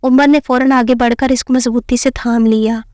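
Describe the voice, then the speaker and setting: A woman narrating a romance novel in a steady reading voice. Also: fairly high pitch, normal speed, no room sound, clean studio sound. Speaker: story narrator.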